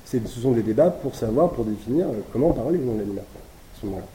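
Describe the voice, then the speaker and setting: A man's voice: medium pitch, animated, fast. A man giving an academic lecture, talking with many hesitations, fillers and restarts. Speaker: academic speaker. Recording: echoey room with noise.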